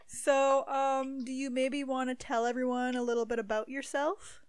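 Young woman from Ontario, podcast host, giggly upbeat chat, fairly high voice, dry close sound. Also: level tone, unhurried, clean tone, dry recording. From Ontario, Canada. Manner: upbeat, giggly, filler-heavy.

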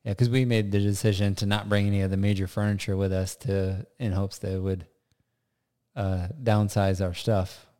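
Recording inside an unfurnished house, an American man co-hosts a laid-back, unscripted podcast. His voice is fairly low and mellow, with little pitch movement, at a moderate pace.

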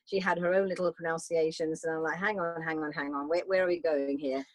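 A Swedish-speaking Finnish woman with a low voice joins as a guest to chat casually about homeschooling. She talks fairly quickly with fairly even intonation, often restarting her sentences, and the recording has no room sound.

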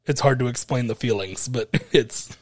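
A man's voice: medium pitch, moderate pace. A man co-hosting a podcast, recapping a wrestling event in a rambling, hesitant way with frequent laughs. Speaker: podcast co-host.

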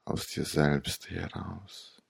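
A man guiding a meditation story in a hypnotic, soothing, old-sage manner with long pauses and a gravelly, breathy voice. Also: low-pitched, steady tone, no echo.

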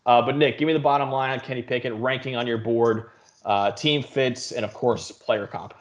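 A man's voice: medium pitch, steady tone, moderate pace, highs cut off. A man hosting a casual football draft talk show, leading the discussion and asking his co-hosts for their takes. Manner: leads the discussion, asks for takes. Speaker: podcast host.

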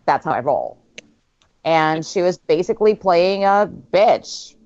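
A woman's voice: lowish voice, lively intonation, a little slow, a little mellow, no room sound, lo-fi sound. A woman giving blunt, opinionated remarks in a casual chat among friends while watching a movie.

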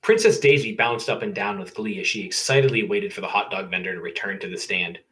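A man's voice: sits low, fairly even intonation, quick pace, sharp tone. A young man co-hosting a podcast, reading a fan story aloud with crude jokes and laughter. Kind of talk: casual comedic story reading.

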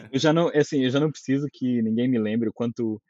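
A man in his forties, a podcast guest in casual chat, joking and animated. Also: mid-range voice, a little fast, dull audio, crowd noise. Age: 40s.

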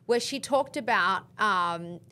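A woman's voice: medium pitch, slow. An Australian woman in her thirties, co-hosting a casual podcast chat and telling a story with acted-out quotes. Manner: lively storyteller acting out quotes. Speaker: podcast co-host.

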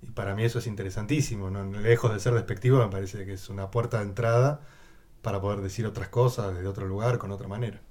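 A man's voice: on the low side, fairly even intonation, quick pace, darkish tone. An Argentine man as an interview guest, talking in a reflective way with frequent hesitations. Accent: Argentine Spanish. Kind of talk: casual interview.

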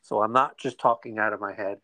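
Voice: mid-range voice, fairly even intonation, fairly quick, bright, forceful tone. A podcast host with a Brooklyn accent, talking conversationally and earnestly, repeating phrases for emphasis.

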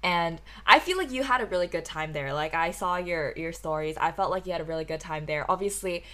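A young woman from Hong Kong with a fairly low, sharp-toned voice hosts a casual podcast chat, speaking fairly quickly. She talks freely and chattily, using lots of "like" fillers and laughing easily.

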